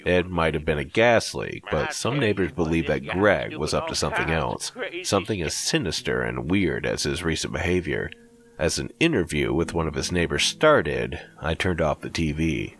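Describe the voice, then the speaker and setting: Male horror storyteller, very low voice, lively pitch, measured scripted delivery. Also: faint music behind. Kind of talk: scripted narration.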